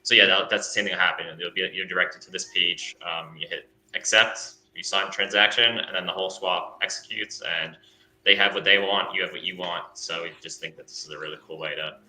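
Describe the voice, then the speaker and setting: Deep bright-toned man explaining. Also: fairly even intonation, brisk, roomy sound, low-quality recording. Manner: explanatory, many fillers and restarts. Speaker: guest explaining a crypto tool. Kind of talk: casual podcast chat.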